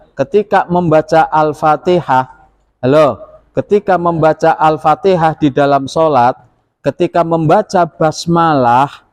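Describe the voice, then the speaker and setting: Teacher guy, high voice, walks kids through prayer, asks questions, repeats corrections. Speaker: religious teacher. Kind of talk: classroom prayer instruction. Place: school classroom.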